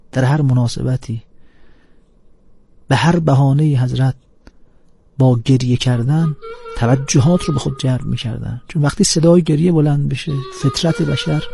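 A man's voice: mid-range voice, creaky, dark tone, breathy edge. A man giving an earnest, emphatic religious lecture. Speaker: religious speaker. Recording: music playing under speech.

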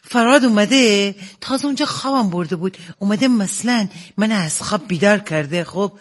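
A man's voice: sits high, close to an everyday voice. A man playing a chatty, teasing middle-aged wife in a comedy sketch, telling stories about her husband with a laugh. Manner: gossipy, teasing, often laughing. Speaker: comic storyteller in a sketch.

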